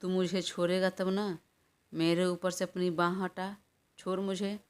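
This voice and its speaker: A woman's voice: on the low side, little pitch movement, unhurried, smooth, close to an everyday voice. A woman voicing a stubborn, hot-tempered young woman who quarrels and makes demands, in a storybook reading. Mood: angry.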